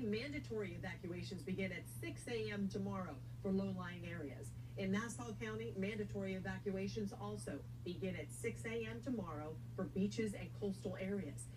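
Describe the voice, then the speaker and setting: A woman reading scripted TV news in a formal, clearly phrased delivery. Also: medium pitch. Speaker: TV news presenter. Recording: TV sound re-recorded distantly with hum.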